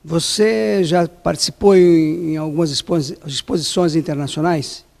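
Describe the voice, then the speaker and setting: Man, TV host, high voice, emphatic questions, echoing hall. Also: fairly even intonation, moderate pace, creaky, darkish tone. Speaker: TV interviewer, host. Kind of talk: TV interview.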